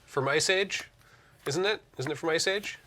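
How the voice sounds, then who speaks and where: A man's voice: fairly high pitch, moderate pace, bright, forceful tone. A man casually commentating on a card game with chatty, jokey asides.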